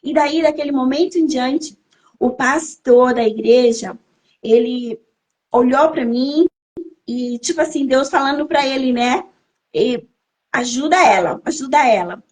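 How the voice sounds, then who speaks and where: A woman's voice: high-pitched, a little slow, a little mellow. A woman in her thirties from Brazil, a podcast guest telling her life story as an emotional testimony and repeating phrases for emphasis. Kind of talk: personal testimony in a podcast interview.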